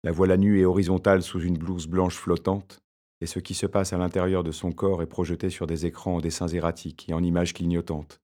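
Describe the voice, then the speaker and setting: A man voicing a wry academic husband in an audiobook, narrating in an ironic, measured way. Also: low voice, level tone, mellow, close to an everyday voice.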